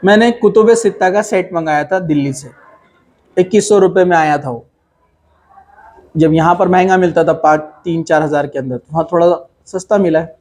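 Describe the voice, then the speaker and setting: A man's voice: a little high, darkish tone. A man giving a conversational religious talk, asking rhetorical questions and mixing in English words. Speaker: Islamic speaker.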